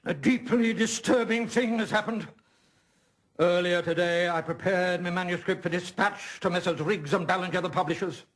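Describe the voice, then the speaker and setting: An actor playing a stuffy, aggrieved English gentleman who speaks gravely and formally. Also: high voice, moderate pace. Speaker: author of a manuscript.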